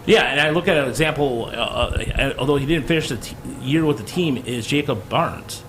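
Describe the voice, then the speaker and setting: A man's voice: medium pitch, normal speed, a bit bright, a little hiss or hum. Blunt man from Michigan. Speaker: sports podcast host. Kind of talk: casual sports chat.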